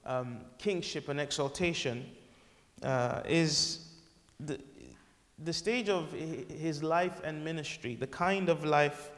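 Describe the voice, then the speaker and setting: A man in his thirties preaching a sermon in a large wood-panelled church, earnest and halting, often restarting and correcting himself, on a lapel mic. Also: fairly high pitch, fairly bright tone, big-room sound. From England.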